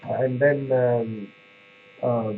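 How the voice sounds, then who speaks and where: A man's voice: medium pitch, fairly even intonation, drawn-out words, phone-quality sound, slight background noise. A man giving a classroom lecture on pharmacy, explaining step by step with many fillers and restarts, checking in with "right?".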